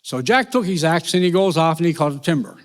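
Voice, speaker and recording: Newfoundland guy spinning an old folk tale live, chuckly and animated, big echoey hall. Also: a little high, quick pace. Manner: lively, chuckling, folksy. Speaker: storyteller. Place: concert venue, with audience. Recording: reverberant live concert hall.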